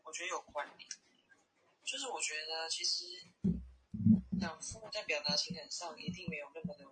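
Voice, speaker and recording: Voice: mid-range voice, a little fast, pushed and bright, breathy edge. A podcast co-host talking casually over a phone call, thoughtfully offering personal interpretations in a conversational way. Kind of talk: casual conversational discussion of a comic.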